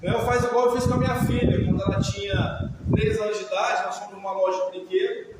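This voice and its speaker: High-voiced Brazilian man in an echoing hall. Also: fairly even intonation, fast. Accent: Brazilian Portuguese. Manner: conversational, asks the audience questions. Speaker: lecturer on emotional healing. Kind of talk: live talk to an audience. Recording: echoey hall, far from the mic, faint hiss.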